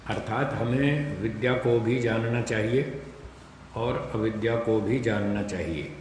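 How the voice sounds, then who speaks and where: Slow-speaking male teacher in echoey hall. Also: mid-range voice, slight background noise. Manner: slow, deliberate explanation with repetition. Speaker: religious teacher. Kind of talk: scripture class lecture. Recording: echoey hall with long reverb.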